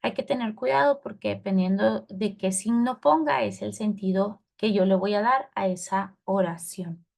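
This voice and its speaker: Woman, teacher, patient explaining, gravelly, mid pitch. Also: normal speed, few pauses, darkish tone. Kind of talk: recorded class lesson.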